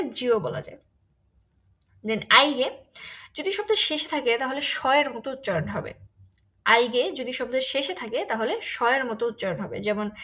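A woman teaching German pronunciation in an online lesson, saying each example word again, louder. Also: a little high. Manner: slow, repeats example words loudly.

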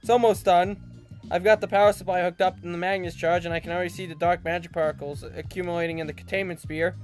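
A man's voice: sits high, flat delivery, quick pace. A man giving casual, playful gaming commentary, reading game dialogue aloud and teasing with some swearing. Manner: playful, teasing, foul-mouthed. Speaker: let's play host. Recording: light game music behind voice. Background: video game music.

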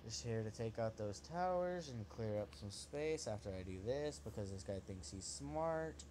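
Young male gamer, lowish voice, cocky trash-talk play-by-play, faint hum under the mic. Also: normal speed. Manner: trash-talking, excitable, swears at opponent. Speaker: gaming channel host. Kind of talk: live gameplay commentary.

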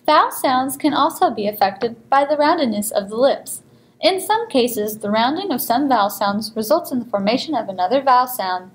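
Woman reading a language lesson, clear and measured, a bit high voiced. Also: animated. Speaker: language instructor. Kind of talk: scripted pronunciation lesson.

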